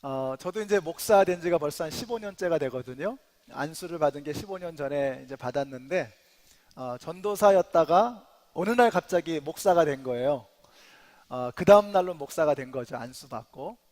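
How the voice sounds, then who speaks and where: A man's voice: fairly high pitch, expressive, normal speed, a little mellow. A pastor in his forties preaching a sermon in a church, conversational with filler sounds, building into emphatic rising passages. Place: church sanctuary. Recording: long reverb of a church hall.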